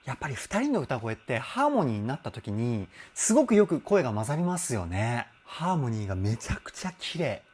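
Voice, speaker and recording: A man's voice: medium pitch, sing-song, fairly quick, hardly any pauses, a little mellow, slightly rough. A man working as a vocal coach, giving an enthusiastic, explanatory analysis of a song. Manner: enthusiastic, explanatory, breaks into sung demonstrations. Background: faint song playing.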